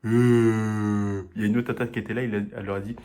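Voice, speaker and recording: A young man vlogging, telling animated stories with frequent laughter and acted-out quotes. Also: on the low side, fast talker. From Comoros family, raised in France. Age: young adult. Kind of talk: storytelling travel vlog.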